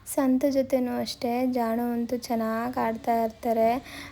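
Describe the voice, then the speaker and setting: A woman's voice: a little high, level tone, unhurried, background noise. A young woman, a mother, narrating a casual home vlog and chatting through each step as she goes.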